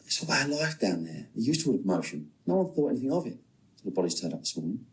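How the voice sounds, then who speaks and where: An actor playing a British police detective who reports in a clipped, factual, dryly wry way. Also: male voice, mid-range voice, sing-song, racing. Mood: matter-of-fact. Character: dry, factual male detective reporting to his superior. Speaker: police officer. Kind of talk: TV crime drama dialogue.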